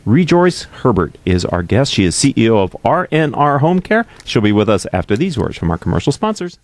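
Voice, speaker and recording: A man's voice: medium pitch, sing-song, a little fast. A man hosting a radio interview in a conversational style. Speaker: radio show host.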